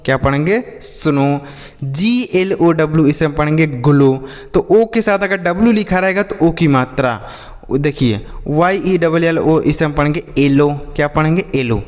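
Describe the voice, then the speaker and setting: A man's voice: on the high side, moderate pace, long reverb tail. A man teaching English phonics to children, spelling out letters and repeating each word as a question-and-answer drill.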